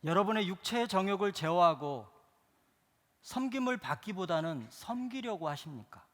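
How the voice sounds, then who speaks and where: A man's voice: sits high, animated, normal speed, fairly bright tone, big-room sound. A male pastor preaching a sermon, driving it with emphatic rhetorical questions that build in intensity.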